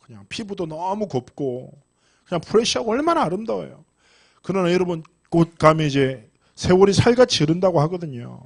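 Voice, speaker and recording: A middle-aged man from Korea preaching a lively youth sermon, moving from hushed asides to loud exhortation. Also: sits high, normal speed, vocal fry. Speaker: youth pastor.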